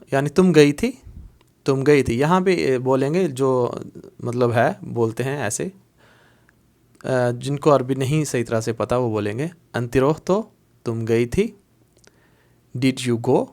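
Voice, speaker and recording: A man teaching Arabic phrases in a video lesson, patiently repeating each word slowly for learners. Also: medium pitch, a little mellow.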